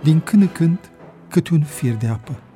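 A man narrating an adventure story in a measured, dramatic audiobook reading. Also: on the high side, lively intonation, mellow, faint music behind.

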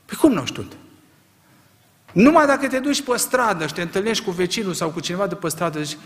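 A man preaching a sermon, asking rhetorical questions and swinging from quiet, measured lines to loud, emphatic ones. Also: high voice, lively intonation, in a large hall.

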